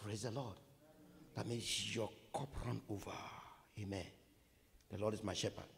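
A man from Nigeria with a Nigerian accent, preaching a sermon in call-and-response, swinging from hushed lines to shouts. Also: on the low side, steady tone, moderate pace, creaky, in a large hall.

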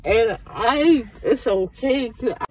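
A woman's voice: on the high side, expressive, slow pace, a little mellow, husky, distant mic. A young woman, groggy after dental surgery, rambling in a loopy, childlike way with slurred speech muffled as if by gauze in her mouth. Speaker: friend recovering from wisdom teeth removal.

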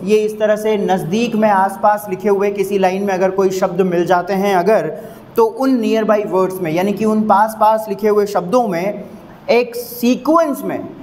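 The low-quality recording, with a little hiss or hum, captures a man with a Hindi accent explaining a literary term to students. His high voice has a darkish tone, and he repeats points emphatically while drilling example sounds slowly.

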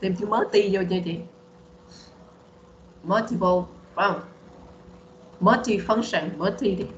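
A woman's voice: medium pitch, a little slow, reverberant, muffled recording, a little hiss or hum. A woman teaching English on a video call, patiently repeating words for students to practice. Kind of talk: online bilingual English lesson.

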